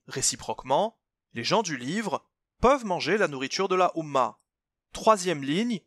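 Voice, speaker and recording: A man with a slightly high, fairly bright voice, recorded dry, presents a religious commentary channel. He delivers scripted narration that analyzes a text step by step, speaking directly to the listener in a didactic, emphatic way.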